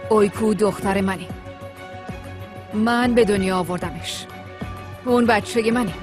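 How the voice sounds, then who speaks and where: A woman's voice: medium pitch, over music, close to an everyday voice. A woman dubbing a scheming woman in a TV drama who claims to be a child's mother, talking in a coaxing, insistent way. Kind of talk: dubbed TV drama.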